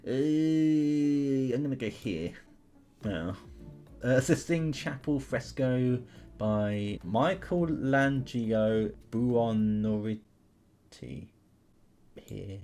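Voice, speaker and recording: A YouTube gamer hosts casual commentary on an online history quiz game, thinking aloud in questions and chatting to his viewers. His mid-range voice is mellow and very slow, with frequent pauses, and faint music plays behind him.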